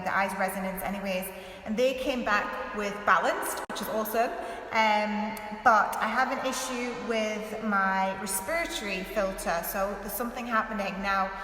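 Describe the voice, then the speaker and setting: A woman's voice: mid-range voice, bright, forceful tone. A woman chatting casually to her followers in a vlog, rambling with lots of fillers, recorded in an echoey room. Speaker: health author and vlogger. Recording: big echoey room, distant from mic, faint hiss.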